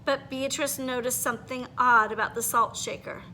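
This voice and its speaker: High, bright-voiced woman reading a storybook. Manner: animated, pauses to ask listeners questions. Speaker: read-aloud storyteller. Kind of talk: expressive children's picture book reading.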